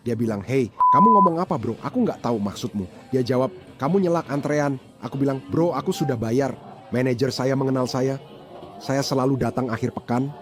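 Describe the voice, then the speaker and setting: A man's voice: mid-range voice, lightly acted. A man dubbing an agitated brawl witness. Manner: agitated, animated retelling with slang. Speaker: man involved in a fight, telling police. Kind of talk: dubbed bodycam account.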